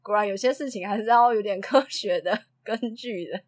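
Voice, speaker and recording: A woman's voice: medium pitch, brisk. A woman, a preschool teacher telling anecdotes in a casual chat and acting out the quotes. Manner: animated storyteller who acts out quotes and laughs often. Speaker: preschool teacher and podcast co-host.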